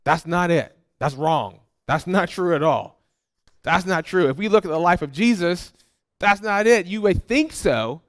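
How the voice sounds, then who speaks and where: Conversational preacher, a man with a high voice. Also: expressive, a little slow. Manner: conversational preaching, speaks straight to the congregation; repeats words when restarting a thought. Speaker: pastor. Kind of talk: sermon.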